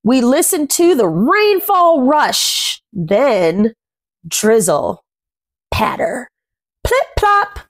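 A young woman hosts a children's read-aloud in a small room at home, reading a picture book to little kids with expressive, sing-song phrasing and chatting about it along the way. Her voice is high with big pitch swings, and she reads extremely slowly. The studio-quality recording has no echo.

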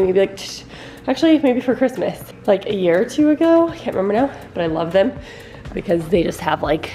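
A woman's voice: medium pitch, a little mellow. Young woman, home vlog, winded, stuffy nose from a cold, chatty with lots of fillers. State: out of breath from a workout, congested with a cold. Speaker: family vlogger. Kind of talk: casual vlog chat.

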